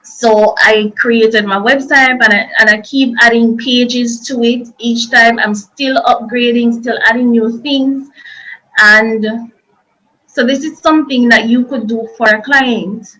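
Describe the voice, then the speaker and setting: A woman's voice: fairly high pitch, steady tone, a little slow, bright, forceful tone, rough recording. A woman presenting an informal online workshop, explaining things in a chatty, loose and repetitive way.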